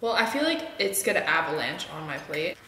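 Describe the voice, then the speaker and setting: A woman's voice: low voice, sing-song, a little fast, a crowd in the background. A woman in her twenties joining a casual eating vlog as a guest, playful and giggly. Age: 20s. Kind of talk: casual mukbang chat. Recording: echoey room, faint noise.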